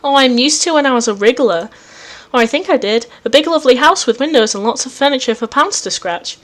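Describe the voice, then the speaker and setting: A woman's voice: high voice, lively intonation, brisk. A woman reading as a sweet, shy cat-like troll girl. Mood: wistful.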